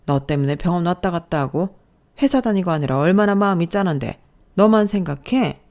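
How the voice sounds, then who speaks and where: A belittling, snobbish middle-aged mother-in-law, read by a woman in a scripted story narration. Her voice sits low and sounds mellow and relaxed even as she scolds. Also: fairly quick. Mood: scolding.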